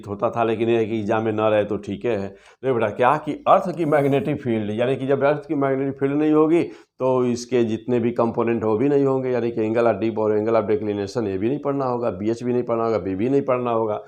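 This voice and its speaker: A middle-aged man teaching physics, going through an exam syllabus in a fond, reassuring way and reading out English topic names slowly. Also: mid-range voice, darkish tone. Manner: calls students "beta" constantly, reassuring; reads English syllabus terms slowly and deliberately.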